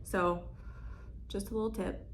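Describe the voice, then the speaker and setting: A woman's voice: mid-range voice, fairly even intonation, a little slow, slight background noise. Young woman vlogging a lash how-to, chatty, giggly, lots of likes and ums. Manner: chatty, laughs often, many fillers. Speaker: beauty vlogger. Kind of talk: casual tutorial chat. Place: room in her salon.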